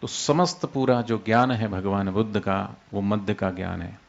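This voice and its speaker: A man giving an unhurried devotional discourse as a spiritual teacher, explaining with everyday examples. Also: lowish voice, steady tone, vocal fry, muffled recording. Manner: unhurried, explains with everyday examples, demonstrates soft and loud speech.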